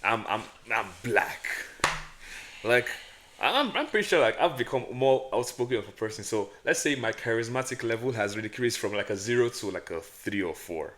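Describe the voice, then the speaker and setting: A man's voice: lively intonation, moderate pace, a bit bright. A man with an African accent on a casual podcast, rambling and stammering as he questions himself. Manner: rambling and self-questioning, stammers, drops into a mock deep voice. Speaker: podcast co-host. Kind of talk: casual chat.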